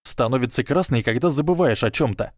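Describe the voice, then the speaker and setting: A man voicing an eager, loyal schoolboy who shouts earnestly. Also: medium pitch, lively intonation, a little fast, dry recording, clean studio sound, lightly acted.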